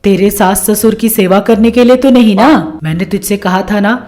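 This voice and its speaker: A woman voicing a scheming, bossy middle-aged mother-in-law who scolds and coaxes loudly in a storybook tale. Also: medium pitch, normal speed, natural voice. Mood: coaxing. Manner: scolding, coaxing, loud.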